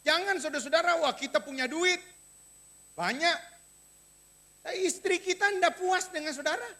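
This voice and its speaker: High, bright-voiced pastor preaching. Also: male voice, moderate pace. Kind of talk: sermon.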